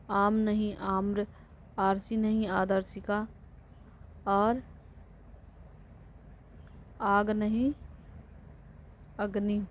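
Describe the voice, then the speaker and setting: A woman teacher reciting vocabulary lists for exam prep in a flat rote way, sometimes correcting herself. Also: medium pitch. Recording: dull lo-fi recording with faint noise.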